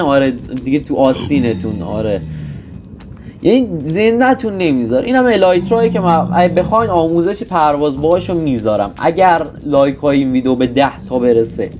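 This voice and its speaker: A man's voice: on the high side, a little mellow, a little hiss or hum. A young man casually explaining a video game in a rambling tutorial, with restarts and joking asides. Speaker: gaming tutorial host.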